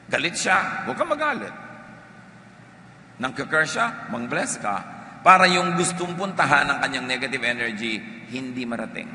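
A man's voice: mid-range voice, bright, forceful tone. A man from the Philippines, preaching a sermon emphatically and dropping humorous asides to the congregation. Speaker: pastor. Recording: echoey hall with faint background noise.

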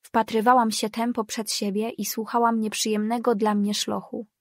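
A woman reading a novel as a first-person audiobook narrator, measured and even. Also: a little high, dry recording, clean studio sound.

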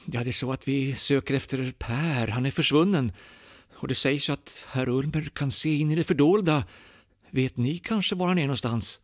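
A man's voice: mid-range voice, no room sound, studio quality, voice pushed up, close to an everyday voice. A man voicing polite, anxious village friends asking for help in a spoken ghost story.

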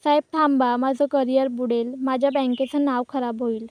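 A woman voicing a panicky male bank manager who pleads, in her own high, dry voice. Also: fairly even intonation, normal speed, no room sound, muffled recording, lightly acted. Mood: pleading. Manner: retold in the narrator's own voice.

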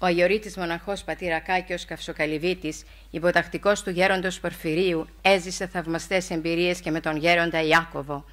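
A woman giving a formal lecture at a church conference, reading in a measured, solemn way. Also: on the low side, fairly even intonation, fairly bright tone.

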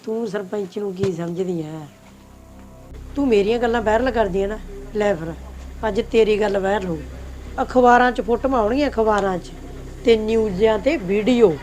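A man's voice: high voice, moderate pace, darkish tone, faint music behind, natural voice, rough recording. A man playing a scheming, boastful village headman in an amateur comedy drama. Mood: threatening. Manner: coaxing, then threatening.

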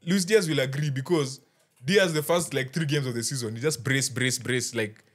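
A man's voice: medium pitch, moderate pace. A young man with a Kenyan accent in a casual, insistent football debate. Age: young adult. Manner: argumentative, insistent. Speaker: football podcast panelist. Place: small indoor podcast studio. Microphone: close podcast microphone with headphones.

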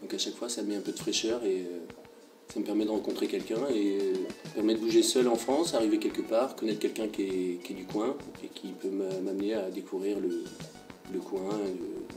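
A man with a lowish, mellow voice talks casually about his performance, halting with fillers. He sounds distant from the mic in a roomy space, with faint music underneath. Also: fairly even intonation. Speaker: performer interviewee. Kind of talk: casual interview.

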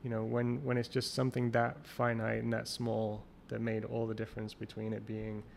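He is a champion water skier guesting on a casual interview, and his gravelly, fairly low voice stays flat and level at a normal speed. He thinks aloud, circling back and restarting sentences, while a faint hiss sits under the call recording.

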